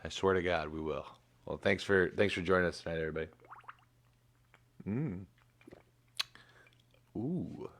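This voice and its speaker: A man's voice: low-pitched, steady tone, fairly quick, long pauses, fairly bright tone, a little hiss or hum. A man in his thirties hosting a casual livestream sports show, laid-back and rambling with plenty of fillers. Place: home in Michigan.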